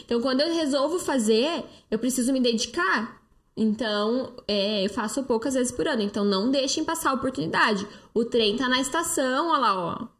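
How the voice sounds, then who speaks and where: A Brazilian woman with a high voice speaks into a phone held close during a live stream. She talks in a chatty, persuasive way, answering viewer comments and sprinkling her speech with fillers. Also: fairly quick. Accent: Brazilian Portuguese. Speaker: live-stream host, detox coach.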